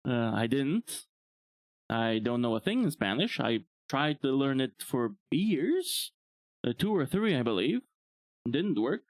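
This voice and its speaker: This young man from Bulgaria, whose native language is Bulgarian, streams as a VTuber and chats casually, wandering from topic to topic with frequent chuckles. His medium-pitched voice has a sing-song, unhurried quality, captured in a dry recording.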